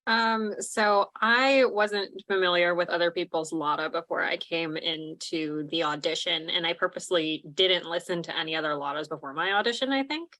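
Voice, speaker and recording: Woman, casual panel chat, lower pitch, bright tone, giggly, lots of ums. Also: normal speed, few pauses. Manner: chatty and giggly, with many fillers. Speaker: musical theatre actor on a cast panel.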